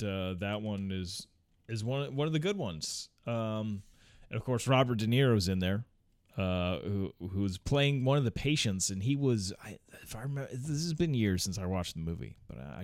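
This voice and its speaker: A man's voice: lowish voice, darkish tone, clear, resonant tone, dry recording. A man in his thirties hosting a casual solo podcast from home on a close mic, rambling with lots of fillers and restarts, swearing freely and chuckling often. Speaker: podcast host.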